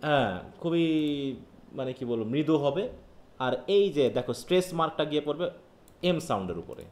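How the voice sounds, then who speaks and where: A male teacher from Bangladesh runs a live online phonetics class, his fairly high, lively voice moving briskly. He explains patiently and often checks whether students follow, with the room giving his voice an echo.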